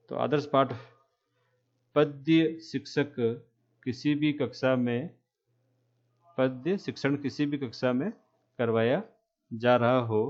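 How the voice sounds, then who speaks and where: A man lecturing trainee teachers, speaking slowly and repeating key terms, with frequent checks that the class is following. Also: medium pitch, a little mellow, dull audio. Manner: asks "है ना?" to check understanding.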